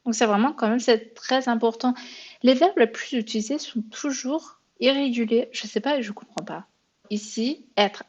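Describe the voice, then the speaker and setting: Slow-spoken woman teaching beginner French. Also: a little high, muffled recording. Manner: patient, thinks aloud and corrects herself. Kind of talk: beginner language lesson.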